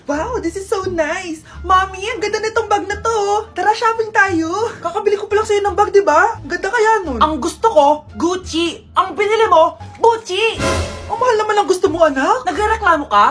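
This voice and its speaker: A woman's voice: very high voice, moderate pace, fairly bright tone, soft background music. A woman performing comedy skits, switching between mother and child roles in Taglish banter.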